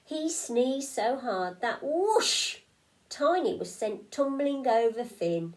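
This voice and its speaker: A woman teacher with a British accent reading a children's story aloud, expressive and playful. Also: on the high side, slow, rough recording.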